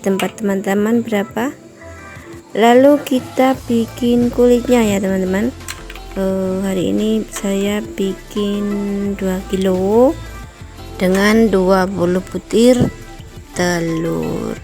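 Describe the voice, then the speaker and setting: Slow-talking woman cooking. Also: medium pitch, fairly even intonation. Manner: chatty, addresses viewers as friends often; apologetic, explanatory asides. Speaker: home cooking channel host. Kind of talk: casual cooking tutorial. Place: home kitchen. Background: distant loud music from a rehearsal.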